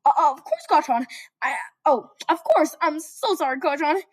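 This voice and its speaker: A woman's voice: sits high, lively intonation, normal speed, voice pushed up, poor audio. A woman voicing a nervous, whiny young male hero who sputters and stammers. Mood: flustered.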